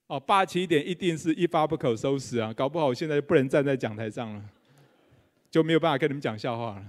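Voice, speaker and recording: A middle-aged male pastor with a Taiwanese Mandarin accent gives a live sermon in a church, joking and putting questions to the congregation. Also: sits high. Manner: humorous, conversational, quizzes the congregation. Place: church sanctuary.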